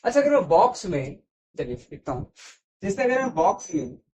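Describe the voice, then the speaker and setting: Guy teaching grammar, kinda high voice, keeps repeating stuff n checking everyone gets it. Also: very animated, moderate pace, a little mellow, slightly rough. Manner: repetitive, checks understanding with "theek hai". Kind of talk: classroom lesson explaining to students.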